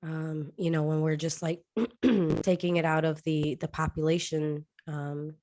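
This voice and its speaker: A woman's voice: deep voice, fairly even intonation, measured pace, mellow, no echo. A woman co-hosting a casual podcast, jokey and self-deprecating, sounding very nasal and congested from being sick, as if her nose were pinched. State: sick with covid. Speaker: podcast co-host.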